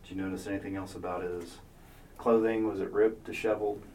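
Low-voiced man questioning a witness. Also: little pitch movement, brisk, a little mellow. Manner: methodical, probing questions. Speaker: investigator. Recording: distant mic with faint noise.

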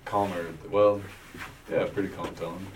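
Deep-voiced guy answering questions, hesitant, keeps restarting, mic far off with a little noise. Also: level tone. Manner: halting, unsure, many restarts. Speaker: witness. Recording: distant mic with faint noise.

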